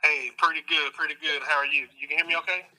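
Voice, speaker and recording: A middle-aged caller from South Carolina comes through a phone on speakerphone. His voice is piercingly bright and sits somewhat high for a man. He talks in a friendly, unhurried chat, stumbling over fillers and restarts. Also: flat delivery, rough recording. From South Carolina, USA. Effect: heard over a phone on speakerphone. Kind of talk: casual call-in chat.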